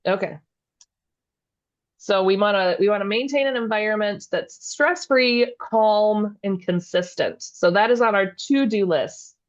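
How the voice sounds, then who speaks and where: A woman in a casual chat who asks about Spanish words, sounds them out slowly and laughs easily. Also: medium pitch, highs cut off. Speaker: co-host learning Spanish.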